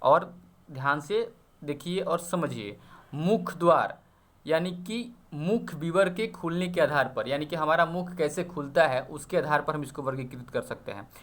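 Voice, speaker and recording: A man's voice: on the high side, expressive, a little slow, fairly bright tone. A man teaching an exam-prep grammar lesson, explaining step by step and checking often that students follow. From Bihar.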